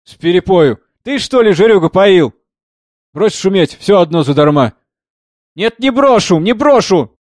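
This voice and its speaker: A man voicing a prickly, worn-out young woman who sings with a harp in a tavern, speaking in a shrill, scolding way. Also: animated, a little fast, a little mellow, no echo, clean studio sound. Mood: shrill, scornful.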